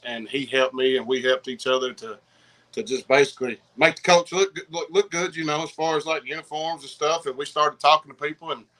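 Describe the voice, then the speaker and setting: A middle-aged man with a Southern US accent chatting casually as a podcast guest, rambling in slang and repeating himself excitedly. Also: medium pitch, rough recording. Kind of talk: casual chat, rambling anecdotes.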